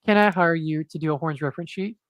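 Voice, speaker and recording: A comic book creator, a guest in a casual interview, speaks in a monotone and hesitates, piling up fillers and restarts. His voice is a little high, he talks fast, and there's no room sound.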